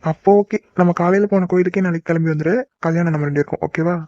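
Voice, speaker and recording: A man voicing a gentle young man in a cartoon, soothing and teasing his crying sweetheart. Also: fairly high pitch, fairly even intonation, fast, no room sound, close to an everyday voice. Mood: teasing casual. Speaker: voice actor. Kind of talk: cartoon love-story dialogue. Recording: dull lo-fi dry recording.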